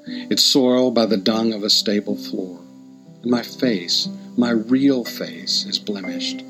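A man voicing a frightened, lonely teenage girl who speaks softly and pleads, with music playing behind. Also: on the low side, close to an everyday voice. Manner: soft pleading.

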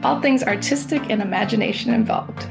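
An American woman delivers a scripted podcast intro in an upbeat, promotional manner. Her voice sits fairly high with a gravelly fry, and clear music plays behind her. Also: a little fast. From United States. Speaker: podcast host.

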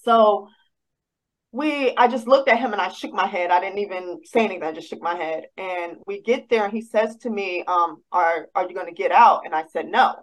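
A woman sharing a personal faith testimony, speaking haltingly with many restarts and growing more emotional as she goes. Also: medium pitch, rough recording. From United States. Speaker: guest sharing a personal story.

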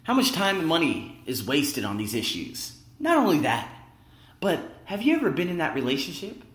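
A man's voice: on the high side, normal speed. A man in his thirties hosting his own podcast, talking emphatically and rambling in a motivational monologue, recorded in an echoey room at his workplace. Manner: animated, emphatic, rambling and conversational. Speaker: podcast host. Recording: echoey room with big reverb.

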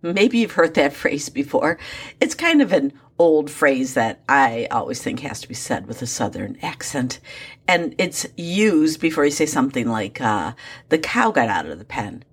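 A woman's voice: deep voice, big pitch swings, a little slow, slightly rough. A woman hosting a daily devotional podcast, speaking in an earnest, personal way with small asides. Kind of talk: scripted devotional talk.

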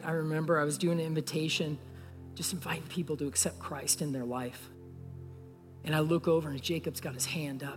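A young man preaching a sermon, an earnest pastor telling a story and speaking straight to the congregation. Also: a little high. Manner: earnest, talks straight to the audience. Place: church sanctuary. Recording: echoey hall with faint music.

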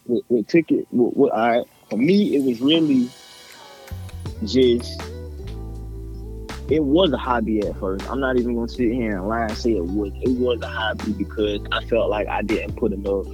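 A man's voice: on the low side, moderate pace, a little mellow, soft background music, rough recording. A young man with a South Carolina accent, a rapper speaking as a guest in a casual interview, in a laid-back, slangy way, often repeating himself.

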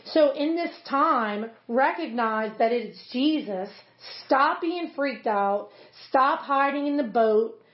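A woman's voice: sits high, lively intonation, slow, hardly any pauses. A woman pastor giving an earnest, conversational devotional teaching, with many casual fillers. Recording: roomy, slightly dull recording.

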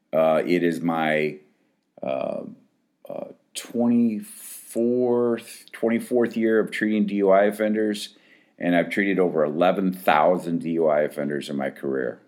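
Deep-voiced rambling male counselor. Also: darkish tone. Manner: rambling, with restarts and frank asides. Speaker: addiction counselor. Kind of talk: casual talk to clients.

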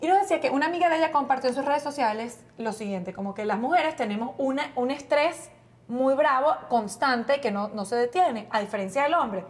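A high-pitched woman with a Venezuelan accent, in her thirties, co-hosting a playful talk show. She rants in an animated, exasperated way and acts out quotes as she vents. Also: fairly quick. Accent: Venezuelan Spanish. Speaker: co-host. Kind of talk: casual comedic banter.

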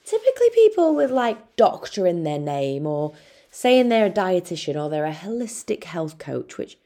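A young woman with an Irish accent and a lowish voice hosts a solo nutrition podcast. She talks in a frank, chatty way, drops casual swearing and calls her listener babe. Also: lively intonation, measured pace, warm tone.

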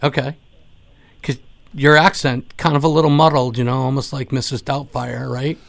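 A man hosting a casual interview, joking and teasing with quick questions. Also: medium pitch, flat delivery, vocal fry. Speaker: host.

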